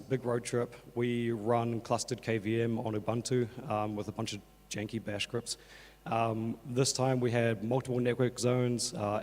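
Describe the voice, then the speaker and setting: A man with a croaky, talked-out voice with creaky starts, giving an informal, filler-heavy stage presentation. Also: medium pitch, darkish tone. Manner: casual, hesitant, many fillers such as "like". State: croaky from two days of talking. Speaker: conference speaker, workshop organiser. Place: on stage in a conference hall. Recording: echoey hall, long reverb.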